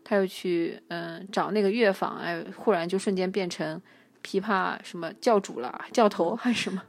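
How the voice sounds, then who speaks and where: A woman co-hosting a casual chat podcast about a TV drama, relaxed and opinionated, laughing as she defends her view. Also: lowish voice, normal speed. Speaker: podcast co-host.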